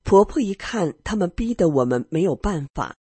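沙哑气声的女播音员. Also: female voice, fairly low pitch, lively intonation, moderate pace, dark tone, breathy edge, no room sound, faint music behind. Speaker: radio story narrator. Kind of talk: scripted first-person narration.

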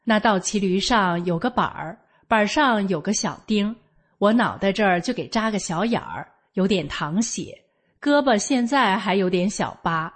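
A woman's voice: mid-range voice, lively intonation, moderate pace. An older woman from Northeast China with a Northeastern Mandarin accent, telling a personal story in a homely, matter-of-fact way. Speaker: storyteller sharing a personal account.

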